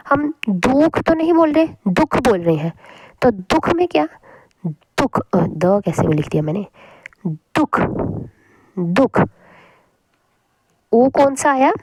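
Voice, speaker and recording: A woman teacher explaining a spelling lesson patiently, repeating words slowly to show how they sound. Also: on the high side, dark tone, a little hiss or hum.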